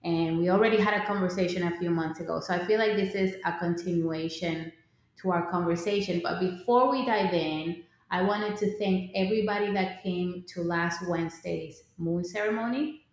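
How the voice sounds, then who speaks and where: A woman's voice: on the low side, moderate pace, very echoey. A woman hosting a podcast, introducing it in a conversational way. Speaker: podcast host.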